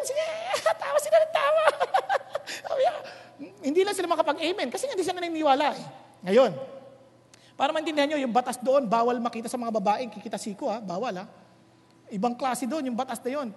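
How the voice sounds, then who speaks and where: A woman preaching a sermon, mixing Tagalog and English, with humorous asides to the congregation. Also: high-pitched. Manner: animated, switching between Tagalog and English. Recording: long reverb of a large hall.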